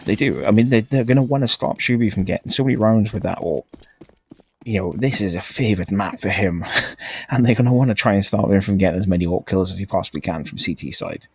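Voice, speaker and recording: Male esports caster, low-ish voice, easygoing and chatty, given to rambling. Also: fast talker, a little mellow, slightly rough. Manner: laid-back, rambling, laughs often. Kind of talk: live game commentary.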